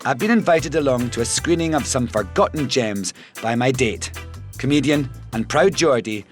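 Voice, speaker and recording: A man's voice: medium pitch, lively intonation, moderate pace. A man narrating a walking tour as a TV presenter in scripted voice-over. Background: music.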